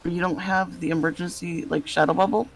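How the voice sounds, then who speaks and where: A man's voice: high-pitched, steady tone, fairly quick, poor audio. A man teasing his friends and laughing a lot while they play a game together. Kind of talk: casual gaming chat.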